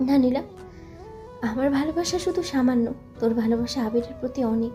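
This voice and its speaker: Woman voicing a young girlfriend, high, soft-toned, anxious, music underneath. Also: fairly quick, close to an everyday voice. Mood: tearful. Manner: emotional, anxious and pleading. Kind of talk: audio story voice acting.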